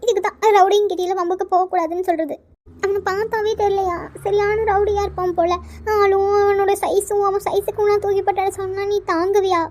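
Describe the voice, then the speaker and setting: A woman voicing a worried, crying mother of a college boy in a cartoon, scolding and pleading fast. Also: very high voice, level tone, a little mellow, slight background noise. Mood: tearful worry. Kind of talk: cartoon voice acting.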